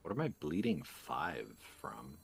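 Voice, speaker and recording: A man's voice: rumbling low, wildly swooping pitch, slow, creaky, soft background music. A man in a casual gaming chat, thinking aloud about his plays as a podcast participant. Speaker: podcast participant playing a card game.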